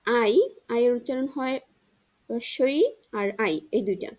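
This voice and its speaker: A woman teacher giving a children's reading lesson, spelling words out slowly and drawing them out. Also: fairly high pitch, poor audio. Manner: slow, drawn-out spelling drills.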